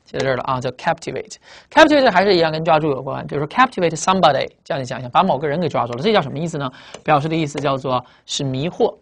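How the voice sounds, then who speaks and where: With a mid-range, expressive and slightly bright voice, a teacher gives an emphatic vocabulary lecture at the board. Rhetorical questions come often, words are spelled out letter by letter, and the target words are dragged out slowly.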